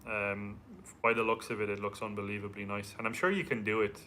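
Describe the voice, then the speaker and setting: Bright-voiced young Irish man. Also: on the low side, flat delivery, brisk, a little hiss or hum. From Ireland. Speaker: travel vlogger co-hosting a live Q&A. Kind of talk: casual live chat, reading out viewer comments.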